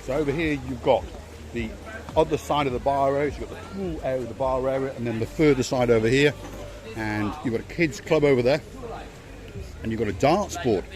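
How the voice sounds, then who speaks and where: A man's voice: medium pitch, a little fast. Gushing older man touring a hotel. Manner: enthusiastic, repeats praise words. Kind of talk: casual walk-around commentary. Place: outdoors and indoors in a hotel, walking.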